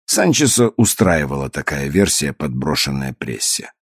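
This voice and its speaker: A man narrating an audiobook in a calm, measured storytelling manner. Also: extremely low pitch, breathy edge, no echo, studio quality. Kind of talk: scripted narration.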